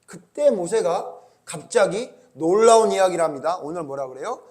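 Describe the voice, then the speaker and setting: A man's voice: high voice, normal speed, a little mellow. A male pastor giving a conversational church sermon, often asking the congregation rhetorical questions. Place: church service.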